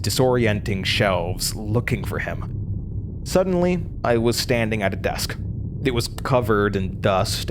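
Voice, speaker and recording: Against a noisy background, a young adult actor with a fairly low-pitched voice and an American accent plays a haunted male college student. He tells the horror narrative deliberately, with intensity and drama.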